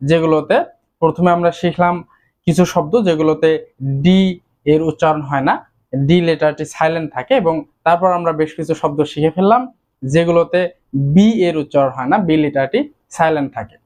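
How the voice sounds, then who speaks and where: Man, somewhat high voice, patient teacher who repeats each word twice before explaining it. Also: darkish tone. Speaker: English teacher. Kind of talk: slow spoken vocabulary lesson.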